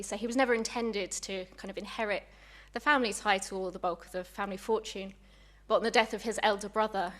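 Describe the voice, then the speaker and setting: A young woman, a museum curator, giving a public lecture in a chatty, friendly way, a little out of breath. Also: mid-range voice. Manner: warm, chatty, apologetic asides. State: slightly out of breath.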